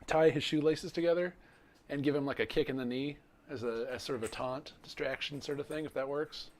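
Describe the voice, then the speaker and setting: Man, tabletop game player, thinking aloud, hesitant, mid-pitched voice, faint hiss. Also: fairly even intonation, fairly quick. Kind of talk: casual tabletop game chat.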